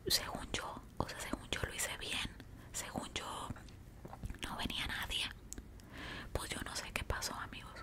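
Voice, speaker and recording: A young woman with a Mexican accent whispers a casual ASMR storytime while chewing gum, close to a desktop microphone. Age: young adult. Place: small indoor room. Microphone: large desktop microphone up close.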